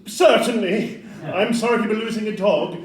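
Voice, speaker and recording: Doctor Watson, played by a man, high-pitched and amiable. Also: normal speed, natural voice. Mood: mild, obliging. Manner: polite, amiable. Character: agreeable, mild Victorian gentleman doctor. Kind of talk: stage audio-play acting. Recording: echoey room, distant mic, faint noise.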